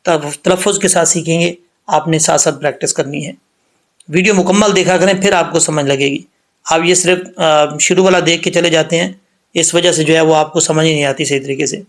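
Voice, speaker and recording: A man teaching Quran recitation rules, explaining letter by letter and slowly drawing out the recited words. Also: fairly high pitch, steady tone. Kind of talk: tajweed lesson with slow recitation.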